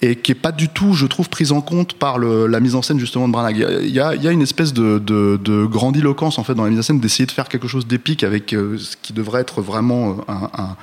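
A man's voice: mid-range voice, quick pace, few pauses. Hesitant man reviewing a film. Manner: hesitant, many fillers and restarts. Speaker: film podcast co-host. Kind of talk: casual film review chat.

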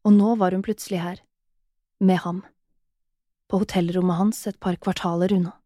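A woman narrating a scripted erotic audio story in a soft, intimate way, sometimes dropping into a whisper. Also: on the low side, little pitch movement, no room sound, studio quality.

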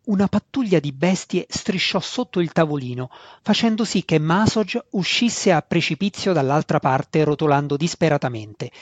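A man's voice: a little high, darkish tone, dry recording. Man narrating a fantasy audiobook. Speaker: audiobook reader. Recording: dull, dry sound.

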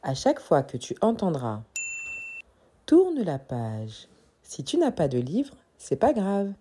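Woman narrator, children's read-aloud, slow, animated, mellow. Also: lowish voice, husky. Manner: expressive, slow, playful. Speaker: storyteller.

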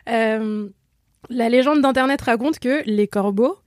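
A woman's voice: fairly high pitch, takes it slowly, no room sound, studio quality. Woman telling slangy anecdotes. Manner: lively storyteller, slangy.

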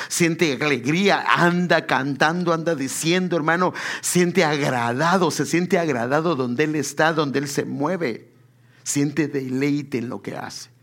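A man preaching a sermon, speaking to the congregation as brothers and asking them rhetorical questions, drawing out key words slowly for emphasis. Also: a little high, a bit bright. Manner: addresses listeners as brother, asks rhetorical questions.

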